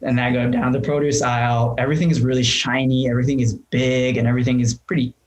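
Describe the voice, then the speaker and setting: A man, speaking as a guest on a podcast interview. His voice sits in an ordinary middle pitch. He talks thoughtfully and casually, often pausing on "um" and restarting his sentences. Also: level tone, low-quality recording. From Japan. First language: Japanese. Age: 30s. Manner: thoughtful, with frequent ums and restarts. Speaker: entrepreneur guest. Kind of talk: casual conversational storytelling.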